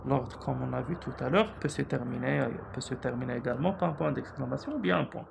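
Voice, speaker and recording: A man teaching a grammar lesson from a workbook, repeating key points slowly and reading out examples before explaining them. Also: medium pitch, gravelly, background noise. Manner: reads out example sentences, then explains them.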